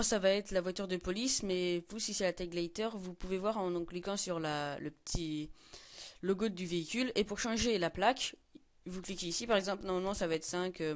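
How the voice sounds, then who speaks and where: A man's voice: sits high, smooth. A teenage boy walking through a game mod tutorial, hesitant and full of fillers and self-corrections. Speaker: gaming tutorial maker. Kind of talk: screen-recorded tutorial.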